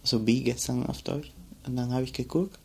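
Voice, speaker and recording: A reflective Cuban man whose first language is Spanish tells a personal story as an interviewee. His gravelly, mid-range voice holds a steady tone at a slightly fast pace, and he searches for words with many fillers.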